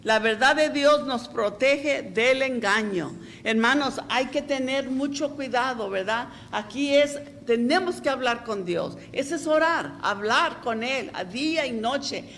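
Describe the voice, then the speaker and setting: A woman's voice: high-pitched, a little slow, hardly any pauses, fairly bright tone, a little hiss or hum. A middle-aged woman pastor, preaching a folksy, chatty sermon and often asking "¿verdad?".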